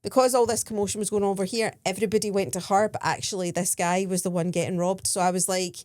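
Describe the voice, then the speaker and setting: On a dry recording, a podcast co-host with a medium-pitched voice talks fast while swapping holiday stories. Her manner is chatty and animated, and she laughs as she tells them.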